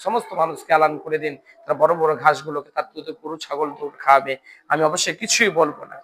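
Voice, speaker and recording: A man's voice: a little high, steady tone, quick pace, fairly bright tone, a little hiss or hum, voice pushed down, natural voice. A man voicing a humble snake that speaks deferentially to a holy man in a told story. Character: obedient wounded snake under a tree, humble and grateful.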